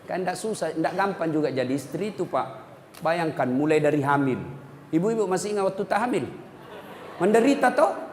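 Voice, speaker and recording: A man's voice: on the high side, expressive, moderate pace. A man giving a humorous sermon, joking and acting out what husbands and wives say. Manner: jokey, acts out quoted couples' talk. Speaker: preacher. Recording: echoey hall with background noise.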